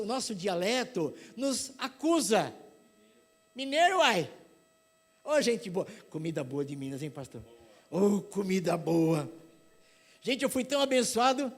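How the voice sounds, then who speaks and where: A middle-aged man with a São Paulo accent preaching a sermon, telling lively stories and acting out other people's voices. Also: very high-pitched. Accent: paulista. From São Paulo, Brazil. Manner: animated storytelling, acts out voices.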